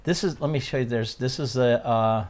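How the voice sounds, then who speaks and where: A man's voice: medium pitch, normal speed. A middle-aged man hosting a podcast, chatting casually and rambling with frequent laughs. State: out of breath. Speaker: podcast host. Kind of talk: casual chat.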